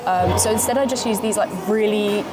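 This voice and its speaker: A woman's voice: mid-range voice, fairly quick, over a noisy crowd. A British woman vlogging about fitness in a casual, chatty way, with informal, slangy phrasing and the odd mild swear. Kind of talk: casual chat to camera.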